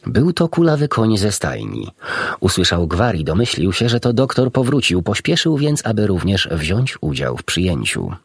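Low, husky male storybook narrator. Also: huge pitch swings, normal speed, dry recording, clean studio sound. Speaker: audiobook narrator.

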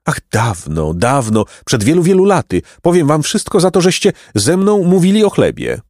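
A man's voice: a little high, sing-song, moderate pace, darkish tone, no room sound, clean studio sound, voice pushed up. A man voicing a tormented old man of gold in an audiobook, speaking in exclaiming, sighing tones and a heated near-whisper. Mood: grave. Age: older. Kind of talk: audiobook character reading.

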